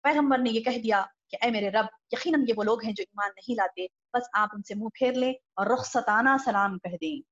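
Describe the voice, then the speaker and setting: Expressive woman teaching scripture, lo-fi. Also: hardly any pauses. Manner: expressive, rises when quoting verses, drops low for asides. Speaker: Quran teacher. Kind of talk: religious lesson explaining scripture. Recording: dull lo-fi recording.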